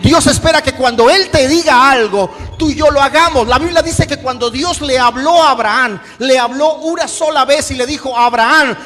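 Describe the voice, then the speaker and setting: A man with a Colombian accent, a pastor preaching a sermon with call-and-response and shouted peaks. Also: very high-pitched, normal speed, hardly any pauses. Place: church hall. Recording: echoey church hall with music.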